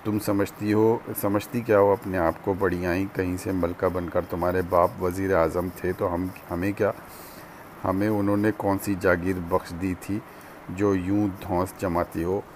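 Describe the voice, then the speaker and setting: A man's voice: sits low, level tone, unhurried, darkish tone, slight background noise. A man reading the lines of a hot-tempered young man who threatens and roars. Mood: furious. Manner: roaring, threatening.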